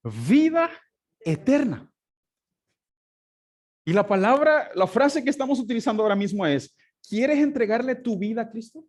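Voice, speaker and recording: Lively man teaching a church class. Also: very high-pitched, brisk, hardly any pauses. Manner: asks the class questions and answers them himself. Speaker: Sunday school teacher.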